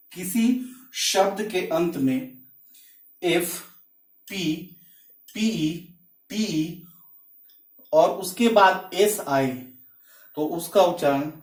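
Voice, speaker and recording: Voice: medium pitch, darkish tone. A teacher giving a phonics lesson, explaining step by step and spelling words out letter by letter. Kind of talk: classroom-style phonics lesson. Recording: echoey room, mic at a distance.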